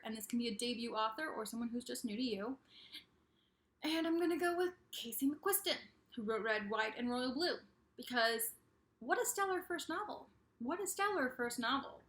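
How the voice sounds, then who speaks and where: In a roomy, echoey indoor space, a woman with a fairly high, sharp voice chats casually for a book review vlog. She's emphatic and talkative, often repeating phrases for emphasis.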